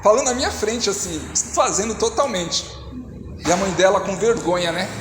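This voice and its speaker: A man's voice: high-pitched, moderate pace, background noise. A man with a Brazilian Portuguese accent preaching a sermon, telling a testimony and then urging the listeners on. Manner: storytelling, quoting prayers, rising to exhortation. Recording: echoey hall with long reverb.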